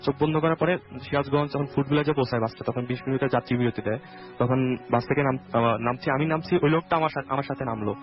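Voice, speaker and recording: A young man from Bangladesh calling in to tell a true ghost story in casual, halting speech full of restarts and self-corrections. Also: mid-range voice. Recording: dull lo-fi radio audio with faint music.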